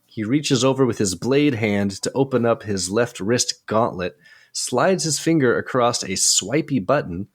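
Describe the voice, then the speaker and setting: A man's voice: medium pitch, unhurried, husky. A man co-hosting a film podcast, chatting casually, reading listener notes and narrating a scene, laughing often. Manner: lively, laughing, reads listener submissions. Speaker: podcast co-host.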